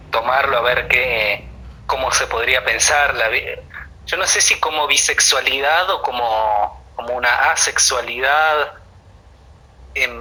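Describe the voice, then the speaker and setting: A man in a live online panel conversation, speaking in an animated, ironic way and laughing easily. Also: medium pitch, rough recording.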